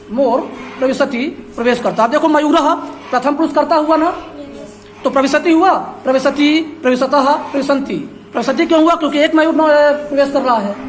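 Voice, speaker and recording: Woman teacher in a classroom, high voice, goes over each word twice and asks the kids questions. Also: a little hiss or hum. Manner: repeats each word and translates, quizzing the class. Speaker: Sanskrit teacher. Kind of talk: classroom lesson.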